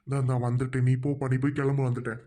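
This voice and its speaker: A woman voicing an earnest young man who speaks softly and respectfully in an amateur skit. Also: very deep voice, little pitch movement, rapid-fire, a little hiss or hum. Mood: impatient. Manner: soft, respectful.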